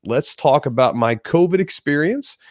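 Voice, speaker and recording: A podcast host speaks in a fairly high, lively voice at a moderate pace, sounding slightly congested and nasal. His off-the-cuff, conversational talk rambles and often circles back to repeat itself, captured in a studio-quality recording with no room sound.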